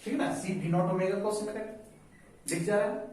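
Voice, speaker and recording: A man's voice: sits high, steady tone, moderate pace, a little mellow. A man teaching physics, repeating key terms and quizzing his students. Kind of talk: whiteboard lecture. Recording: echoey room, voice from far off.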